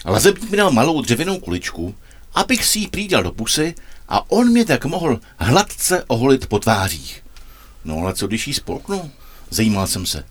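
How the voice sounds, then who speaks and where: A man's voice: medium pitch, wildly swooping pitch. Man spinning jokes on radio. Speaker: radio joke teller. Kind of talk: radio comedy segment telling jokes.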